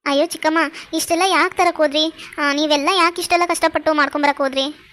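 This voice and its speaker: A gentle young cartoon wife who speaks softly and gratefully, as a woman voices her. Her voice is high and bright. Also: steady tone, quick pace. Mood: polite. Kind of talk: cartoon voice acting.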